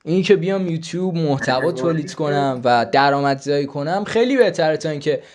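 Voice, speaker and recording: A man chatting with strangers on a video-chat site, crude and teasing, often swearing and slipping into a coaxing older-brother tone. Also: a little high. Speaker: YouTuber chatting with strangers online.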